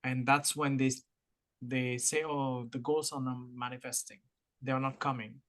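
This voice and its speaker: A podcast co-host with a French-Mauritian accent speaks in a mid-range, level, slightly bright voice at a moderate pace. He talks casually and motivationally, explaining things through analogies and encouraging repetition.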